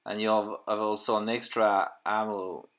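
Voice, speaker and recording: A lowish, slightly bright voice with a level tone and moderate pace belongs to a middle-aged man from France. He reviews a toy in casual English, his French accent and first language showing, stumbling through fillers and restarts in search of words. He sits in an indoor room full of display cases and figures.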